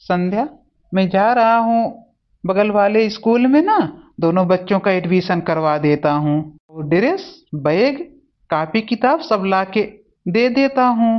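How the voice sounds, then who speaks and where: A woman's voice: medium pitch, measured pace, lightly acted. A woman voicing a kind young husband in a family cartoon, speaking soothingly. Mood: calm. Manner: soothing, reassuring. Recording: dull lo-fi audio.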